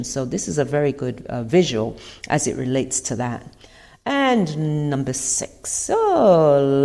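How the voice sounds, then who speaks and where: A podcast host with a low-pitched, darkish voice earnestly works through communication tips, stressing key words. Her motivational talk plays over video clips.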